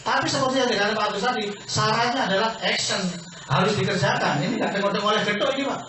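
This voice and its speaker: A man's voice: high voice, rapid-fire, bright, forceful tone, slight background noise. A man giving a persuasive sales seminar talk, questioning the audience and answering himself. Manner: keeps addressing listeners as "Pak". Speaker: business opportunity presenter. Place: meeting hall with an audience. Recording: very echoey hall, picked up from far off.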